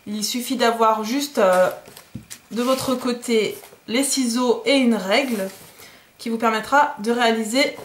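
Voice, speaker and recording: A fairly high-voiced woman from France talks through a craft box in a relaxed, chatty vlog, full of little fillers. Faint background noise and clicks sit under her voice. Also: measured pace. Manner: chatty, hesitant with many fillers, says "hop" often. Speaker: DIY vlogger. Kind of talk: casual unboxing vlog.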